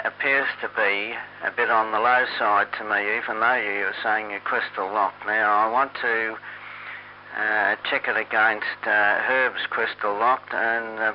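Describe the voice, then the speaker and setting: A man chatting casually as an amateur radio operator, speaking haltingly with long pauses, heard over a radio transmission. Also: lowish voice. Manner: halting, hesitant, long pauses between phrases. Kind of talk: casual on-air ham radio chat. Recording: dull lo-fi radio, hum and hiss.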